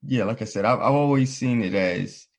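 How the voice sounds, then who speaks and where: Earnest, husky-voiced man talking. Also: mid-range voice, moderate pace. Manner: earnest, reflective, storytelling with quoted voices. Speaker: podcast host. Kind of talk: casual conversation.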